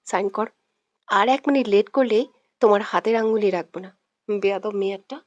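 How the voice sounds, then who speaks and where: A woman's voice: mid-range voice, brisk, no room sound, muffled recording, natural voice. A woman voicing a hot-tempered, bossy young man. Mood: threatening. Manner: curt, threatening, bossy.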